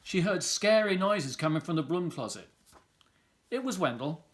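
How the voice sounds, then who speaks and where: A man's voice: sits high, lively intonation, normal speed, a little hiss or hum. A man reading a children's picture book aloud as a storyteller. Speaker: volunteer story reader.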